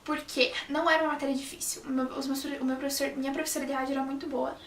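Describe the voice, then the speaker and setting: A young adult woman, a journalism student, rattles off casual chat to camera in a rapid-fire, high voice with little pitch movement. She keeps restarting sentences and says "sabe?" often. A little hiss or hum shows up, along with echo from the room and a mic set a bit far away.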